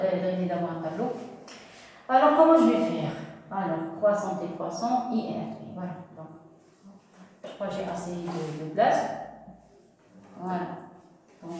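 A woman's voice: mid-range voice, a little mellow, slight background noise. A woman teaching a maths class at a board, explaining step by step, repeating key words and checking often that students follow. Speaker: math teacher. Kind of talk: classroom lesson at a whiteboard. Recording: echoey room, voice from far off.

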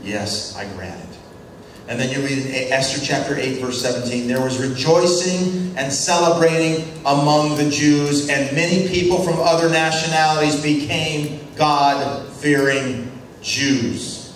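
Lively male lecturer in a big echoey room. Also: fairly high pitch. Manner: asks the class questions and repeats short answers; acts out biblical characters in quick voices. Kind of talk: classroom lecture on church mission. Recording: very echoey room, distant mic, faint noise.

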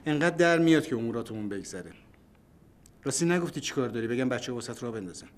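An actor playing a wry, boastful office deputy in a sitcom. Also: male voice, medium pitch, expressive, natural voice. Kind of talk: sitcom acting.

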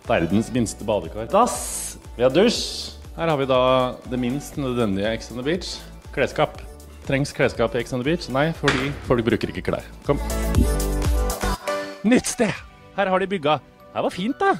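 A young entertainment-show host's medium-pitched voice swings widely in pitch as he walks through a villa with a handheld mic, mocking it playfully with theatrical asides. Soft music plays behind this comic house tour and studio chat.

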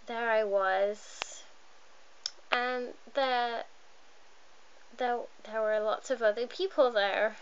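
A woman's voice: on the high side, a little hiss or hum. Giggly woman rambling into her phone. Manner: giggly, self-conscious, easily sidetracked. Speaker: vlogger. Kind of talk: rambling casual vlog. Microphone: phone camera filming close up. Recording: dull lo-fi phone recording.

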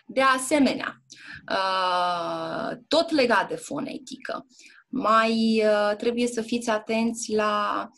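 In a one-on-one exam prep session held indoors in a classroom or tutoring room, a Romanian language and literature teacher speaks at medium pitch with a fairly bright tone. She's patient in her explanations, keeps checking on her student, and leans on hesitant fillers.

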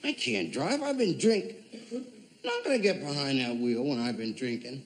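Animated male comedian telling a story. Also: medium pitch, normal speed, low-quality recording. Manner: animated, acts out every character. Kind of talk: stand-up storytelling. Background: studio audience laughter.

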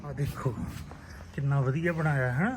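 A man with a Puadhi Punjabi accent gives relaxed, reminiscing narration as he walks and films outdoors in a village on a handheld phone. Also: medium pitch, measured pace, music in the background. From Punjab, India. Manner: reminiscing, relaxed, loosely strung phrases. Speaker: vlogger. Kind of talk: casual walking vlog narration. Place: outdoors in a village, on rooftops and lanes.

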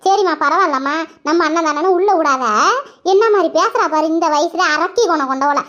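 A woman talking quickly in a gossipy way, voicing a village cartoon scene. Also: very high voice, fairly bright tone. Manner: chatty, gossiping, laughs while talking. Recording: slightly dull lo-fi audio.

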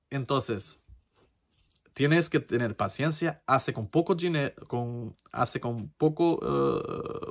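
A man's voice: a little high, a bit bright. Spanish-speaking man with a Portuguese accent. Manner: hesitant, many fillers and restarts. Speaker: crypto channel host. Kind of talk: casual tutorial talk to camera.

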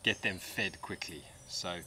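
Deep-voiced relaxed Australian man outdoors. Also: unhurried. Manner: relaxed, easygoing, with frequent fillers. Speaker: camping vlogger. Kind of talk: casual vlog narration. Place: outdoor bush campsite. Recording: outdoor recording with insect noise. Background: insects and crickets in the bush.

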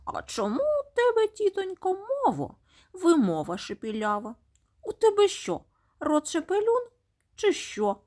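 A woman's voice: very high-pitched, huge pitch swings, measured pace, a little mellow, pitched above the performer's own voice, full character voice. A woman voicing a spiteful, teasing little male word-creature in an audio fairy tale, taunting and sneering. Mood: mocking.

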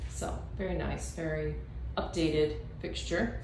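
A woman's voice: low-pitched, fairly even intonation, slow pace, darkish tone. A woman realtor chatting casually as she walks through an empty condo, upbeat and full of fillers, filmed on a handheld phone. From Florida. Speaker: realtor giving a home tour. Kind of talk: casual walkthrough narration. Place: empty condo, indoors, walking room to room. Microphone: phone camera held while walking. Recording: echoey empty rooms with background noise.

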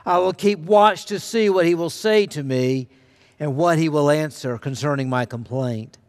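A man reading a scripture passage aloud during worship in a large church sanctuary, steady and deliberate. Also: a little high. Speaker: scripture reader. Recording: long reverb of a large sanctuary.

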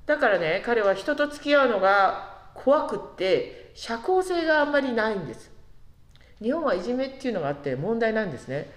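A woman giving a conversational sermon who asks the congregation questions and slows down on key words. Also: on the high side, very animated, echoey room. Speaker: preacher.

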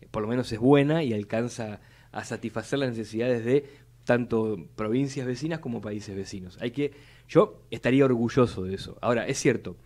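Brisk and darkish, this young man's mid-range voice carries a Buenos Aires Spanish accent as he speaks as a city legislator in a live studio radio interview, on a boom-arm studio mic. He discusses policy in a measured, formal way, frequently repeating words to build long arguments.

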